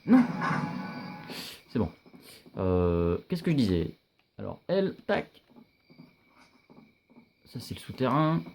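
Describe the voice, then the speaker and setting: A young man giving casual, chatty commentary while playing a video game, reacting loudly and swearing often. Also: mid-range voice, sing-song, takes it slowly, gravelly, long pauses, faint music behind.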